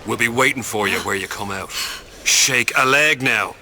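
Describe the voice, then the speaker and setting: An actor playing a menacing, sardonic gang leader in a video game. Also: male voice, medium pitch, normal speed, noisy background, lightly acted. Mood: menacing, commanding. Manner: brusque, sardonic, commanding.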